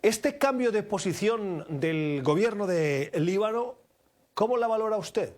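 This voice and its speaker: A man's voice: high-pitched, lively intonation, unhurried, a little mellow. A man working as a news anchor, setting up context and asking formal, structured questions of a guest.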